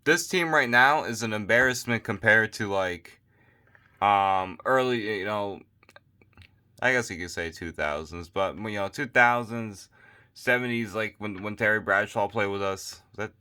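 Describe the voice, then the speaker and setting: Man, sports vlogger, low voice, bright and clear tone, rambling, tired, phone mic. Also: a little slow. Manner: rambling, repeats himself, restarts often. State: tired, losing his voice. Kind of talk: casual opinion rant.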